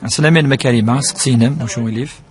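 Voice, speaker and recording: A man's voice: mid-range voice, over music. A man answering listeners' questions on a live call-in radio show, greeting each caller by name. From Algeria. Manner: brisk, reads out callers' names and greets them. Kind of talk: live call-in religious advice.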